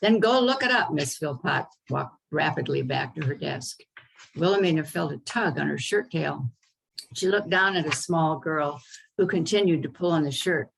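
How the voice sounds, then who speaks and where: A woman author reading her own children's story aloud over a video call, unhurried with the odd um. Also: low-pitched, gravelly, poor audio. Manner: unhurried reading with occasional ums.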